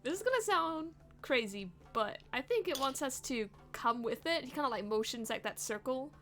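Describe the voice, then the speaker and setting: A woman's voice: high-pitched, lively intonation, normal speed, fairly bright tone, faint music behind. A woman playing a tabletop game with friends, giggling and exclaiming as she plays her character. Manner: giggly, exclaiming, talks over others. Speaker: player. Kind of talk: casual tabletop play.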